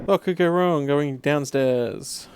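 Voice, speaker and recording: A man's voice: on the high side, slow, noisy background. A man playing a game and commenting on it with sarcastic, sweary remarks. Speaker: player. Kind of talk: casual chat while gaming.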